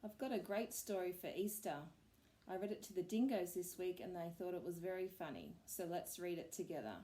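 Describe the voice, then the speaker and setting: A woman preschool teacher reading a picture book aloud to children, gentle and expressive. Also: fairly low pitch. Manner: gentle, slow, expressive storytelling.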